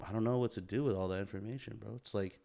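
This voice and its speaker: Rapid-fire and gravelly yet mellow, this young man's fairly low voice carries a casual podcast chat where he co-hosts. He rambles, curses, talks in slang, and leans heavily on "bro" and "dude."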